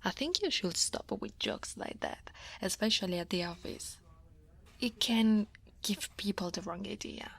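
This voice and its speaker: Wistful and unhurried, an Italian-accented woman from Italy plays a dragon woman senior coworker, guarded and workaholic, in a soft ASMR roleplay that is often whispered. Her medium-pitched voice has vocal fry and a breathy edge, and she stays wry and self-deprecating with sighs and soft laughs.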